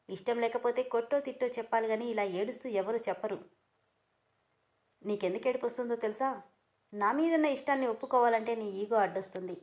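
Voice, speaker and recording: A woman reading the part of a firm, possessive young man who speaks sternly but with care. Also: very high-pitched. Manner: stern, commanding.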